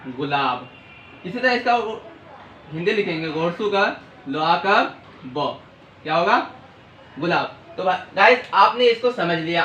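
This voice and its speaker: A man with a high, bright, forceful voice teaches a language class at a whiteboard, posing questions and then answering them himself. The recording has an echoey room sound and a faint hiss.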